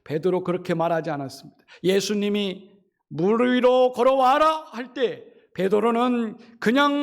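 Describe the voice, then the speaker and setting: A middle-aged pastor from Chungcheong in South Korea preaching a sermon, asking the congregation rhetorical questions and acting out quoted lines. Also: male voice, extremely high pitch.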